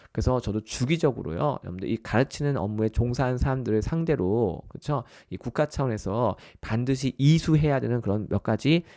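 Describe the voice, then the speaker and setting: A man's voice: medium pitch, mellow, no echo, clean studio sound. A man teaching as a test-prep instructor in a recorded lecture, often addressing his listeners as his students and checking in with short tag questions.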